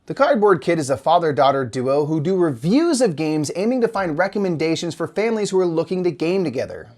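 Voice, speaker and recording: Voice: mid-range voice, very animated, brisk, a little mellow. A co-host delivering scripted comedic board game news in the manner of a parody news anchor.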